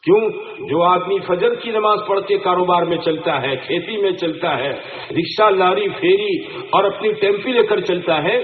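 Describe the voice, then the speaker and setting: High-voiced male preacher, tinny and echoey. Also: moderate pace, few pauses. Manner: asks the crowd rhetorical questions. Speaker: Islamic preacher. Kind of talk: sermon to a gathering. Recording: tinny phone-like sound in an echoey room.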